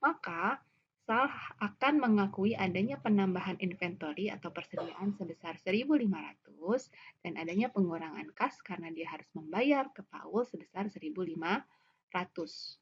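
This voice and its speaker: Speaking at a moderate pace in a lowish, animated voice, an Indonesian-accented woman lectures on accounting, working through examples step by step. She frequently poses questions and answers them herself, and the recording is dull and lo-fi with noticeable background noise.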